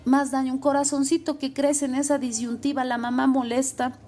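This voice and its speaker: A woman's voice: sits high, little pitch movement, normal speed, warm tone. A young adult woman lawyer, giving emphatic, repetitive advice. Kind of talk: advice talk.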